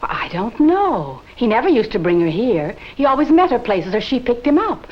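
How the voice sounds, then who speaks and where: A woman's voice: fairly high pitch, very animated, normal speed, highs cut off. An actress playing an earnest woman who speaks plainly as a witness and interpreter, in a 1950s TV drama.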